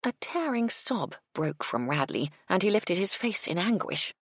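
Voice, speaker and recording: Husky low-voiced woman narrating an audiobook, dry close sound. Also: sing-song, a little slow, dry recording. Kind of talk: scripted narration.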